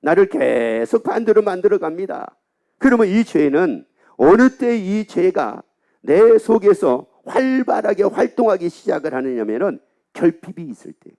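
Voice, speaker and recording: A man's voice: high voice, sing-song, a little slow, warm tone. A male pastor giving a casual, story-filled sermon. He keeps asking the congregation questions and answering them himself. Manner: colloquial, storytelling sermon delivery.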